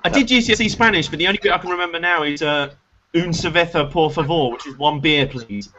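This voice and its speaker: A British man with a slightly higher-than-average voice hosts a loose, rambling chat, cracking self-mocking jokes as he goes. He comes through a video call with a dull, lo-fi sound and a faint hiss underneath. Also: fast talker, sharp tone. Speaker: show host. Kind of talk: casual podcast chat.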